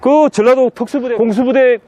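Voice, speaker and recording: A man with a notably high voice speaks in an outdoor city interview. He is insistent and drives each point home by repeating key words over and over. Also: fairly even intonation, fairly quick, warm tone, no echo. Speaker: interviewee, political commentator. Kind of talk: impassioned outdoor interview monologue.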